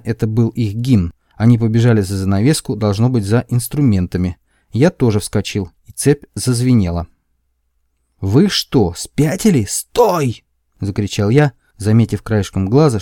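A man's voice: mid-range voice, dry recording, studio quality. Wry male audiobook narrator. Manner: wry, expressive first-person reading. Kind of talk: audiobook narration of a comic sci-fi story.

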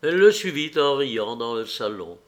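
A man reading a classic fantastic tale aloud in a measured, expressive way. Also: medium pitch. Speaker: audiobook reader. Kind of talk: literary audiobook narration.

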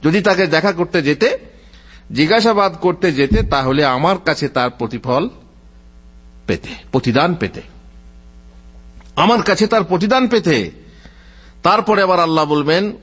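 A male Islamic preacher giving a sermon in an animated storytelling way, quoting Arabic and then explaining it. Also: on the high side, unhurried, pauses often, husky. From Bengal. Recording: dull lo-fi audio.

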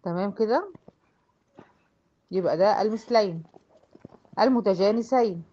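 A woman with an Egyptian accent teaching a tajweed lesson. She asks questions and answers them herself, and slows down to model recitation. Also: mid-range voice, warm tone. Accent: Egyptian Arabic. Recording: dull lo-fi recording.

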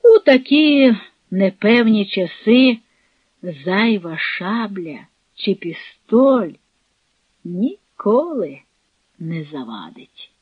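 A composed Cossack colonel speaks low and steady, weighing each word, as a reader voices him. There is little theatrics to it. The recording is dry and dull. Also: drawn-out words, long pauses, husky, no room sound, full character voice. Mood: measured. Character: older Cossack colonel, calm and cautious. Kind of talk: audiobook reading with character voices.

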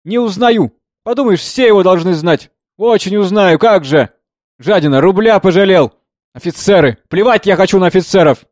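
Guy doing a shrill scolding young singer girl from a tavern, high and loud, dry close audiobook sound. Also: expressive, fairly quick, dry recording. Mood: shrill, scornful. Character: shrill young woman harp singer, prickly, weary.

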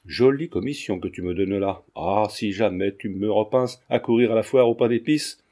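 A man's voice: lowish voice, normal speed, warm tone, lightly acted. A man doing a grumbling young dandy. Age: young adult. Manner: grumbling, muttering. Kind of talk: audiobook character reading.

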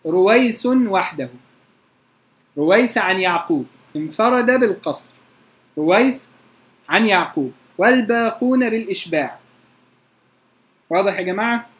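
A teacher with an Egyptian Arabic accent gives a lesson on recitation rules. The teacher slowly intones verse examples and keeps checking that the class follows. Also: mid-range voice, lively intonation. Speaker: teacher of Quranic readings.

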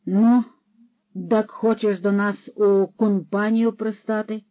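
A narrator voicing a pompous male horse thief who lectures loudly and scatters Latin words, on a dull, dry recording. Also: medium pitch, level tone, takes it slowly, no echo, voice pushed up, lightly acted. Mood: rousing. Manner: lecturing, scolding, loud.

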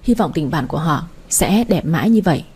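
A woman reading a romance story aloud in a steady storytelling manner. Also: sits low, fairly quick, slightly rough. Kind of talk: storybook audiobook narration.

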